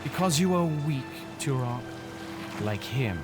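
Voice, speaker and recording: An actor playing a bitter, domineering pirate captain in an audio drama, speaking with theatrical contempt. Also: male voice, mid-range voice, lively intonation, measured pace, natural voice. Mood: cold, menacing. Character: bitter, commanding male pirate captain, former banker turned tyrant. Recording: loud music under the voice.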